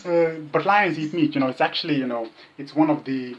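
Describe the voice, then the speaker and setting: His voice is fairly high and his pace brisk: a Kenyan man who is a vegan activist, talking casually as an interview guest. Jokey and repetitive, he mimics what the people he argues with say. The sound is dull, muffled and lo-fi.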